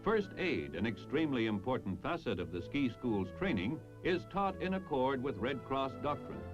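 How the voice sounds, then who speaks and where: Jaunty and polished, an American announcer narrates a mid-century military newsreel from a script, very animated in his mid-range voice. He talks at normal speed over music, on an old film soundtrack with the highs cut off.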